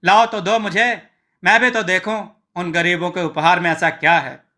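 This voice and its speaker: A man voicing a sharp-tongued village wife who scolds her husband in an exasperated, shrill way. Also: steady tone, moderate pace. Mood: scolding.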